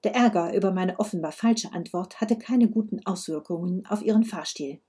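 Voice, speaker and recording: A woman reading her first-person novel aloud in a calm, measured way. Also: fairly low pitch, slightly rough.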